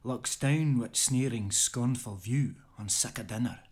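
Irish man doing a Scottish accent, old verse recital, rolling and theatrical, middle pitch. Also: a little slow, darkish tone, natural voice. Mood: declaiming. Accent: put-on Scottish. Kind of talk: poetry recital.

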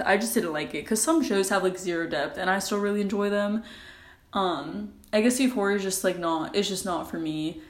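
A young adult woman chats casually into her solo podcast from a bathroom. Her delivery is informal and rambling, at a middle pitch, with "like" sprinkled throughout. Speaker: podcast host.

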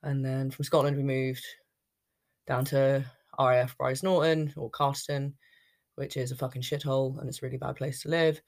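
A woman's voice: very deep voice, steady tone, moderate pace, darkish tone. Chatty, rambling British woman podcaster. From United Kingdom. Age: 30s. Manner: rambling, chatty, self-interrupting. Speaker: podcast host. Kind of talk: casual unscripted personal storytelling.

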